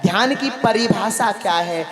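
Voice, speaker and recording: A man's voice: high-pitched, unhurried. A man preaching a devotional sermon, quizzing his audience with call-and-response questions and repeating phrases for emphasis. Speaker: katha preacher.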